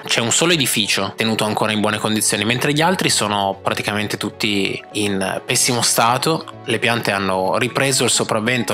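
A man's voice: fairly low pitch, bright, forceful tone. A man giving scripted voice-over narration for a travel vlog.

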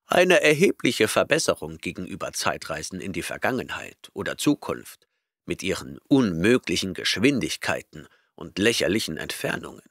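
Reading an audiobook, a man with a low voice, big pitch swings, a fairly bright tone, and a moderate pace performs an arrogant, eccentric male professor in a heavily acted way. The professor lectures impatiently and snorts at his listener, and the studio-quality recording has no room sound.

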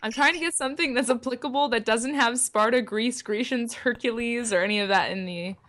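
A woman's voice: fairly high pitch, fairly quick, a bit bright. A woman guest streamer chatting casually and laughing at herself during a board game session. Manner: giggly, self-mocking. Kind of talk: casual chat while playing a board game.

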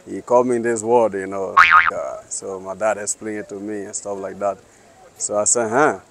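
A man in his thirties from Liberia, answering street interview questions outdoors in an earnest, halting way with many fillers. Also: on the low side, fairly even intonation, vocal fry. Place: sunny city square outdoors.

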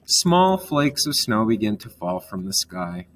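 A man reading a children's story aloud in a calm manner, gently explaining words along the way. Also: lowish voice, unhurried, slight background noise.

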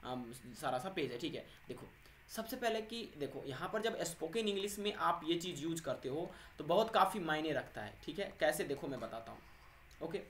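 A man teaching English grammar in a chatty, explanatory lesson, checking in with "okay" after almost every point and slowing down to stress key words. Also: on the high side, expressive, fairly bright tone, slight background noise. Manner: addresses viewers as friends, stresses words by slowing down. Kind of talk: explanatory classroom-style lesson.

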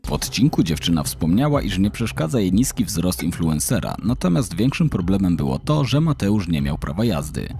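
A man reading a scripted documentary narration in a steady, formal manner. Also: low voice, normal speed, gravelly, hardly any pauses. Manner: steady, formal, read-aloud delivery.

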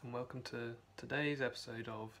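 Young male vlogger, gravelly, hesitant and rambling, phone held close in a basement. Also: mid-range voice, steady tone, normal speed, bright, forceful tone. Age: young adult. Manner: rambling, hesitant, many restarts. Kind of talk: casual video diary. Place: home basement, indoors. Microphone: phone camera held close.

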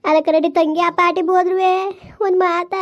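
A woman's voice: very high-pitched, flat delivery, moderate pace. A woman playing a tearful young village wife who complains about her husband in a comedy skit. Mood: aggrieved.

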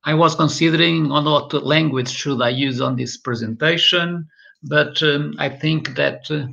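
An older man from northern Portugal, a professor, gives an online lecture in English with a Portuguese accent, often hesitating and repeating words. His voice is a little high, a little slow, gravelly, pushed and bright. The audio is lo-fi, picked up by a webcam on a video call.

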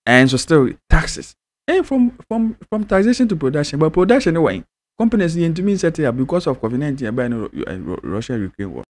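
A young man with a Ghanaian accent giving casual news commentary in Twi and English, talking in an animated, emphatic way into a studio mic. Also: fairly high pitch, fast talker. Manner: animated, emphatic, switching languages. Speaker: news presenter. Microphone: studio mic on a stand in front of him.

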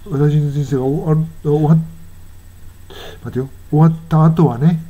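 An older Japanese man explaining song lyrics and English pronunciation in a musing, self-correcting way, sounding lines out slowly. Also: a little high, fairly even intonation, phone-quality sound. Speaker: English teacher.

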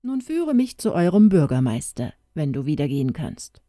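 A woman reading the lines of a kind middle-aged gentleman in a storybook, speaking softly and tenderly. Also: low voice, big pitch swings, normal speed, dry recording, studio quality. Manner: soft, tender speech.

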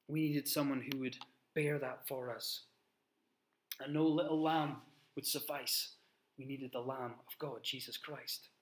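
A thirtysomething man preaches to a desk webcam from a small, unadorned room. His somewhat high, fairly bright voice sounds earnest and emphatic as he pauses and starts over.

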